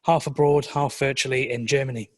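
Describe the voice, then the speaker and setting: A man's voice: mid-range voice, flat delivery, brisk. A man from South Wales, a final-year languages student, giving a friendly and straightforward self-introduction.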